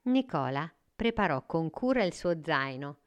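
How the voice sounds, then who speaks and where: Woman storyteller, children's story, slow, gentle, smooth clear voice. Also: low-pitched, big pitch swings, highs cut off.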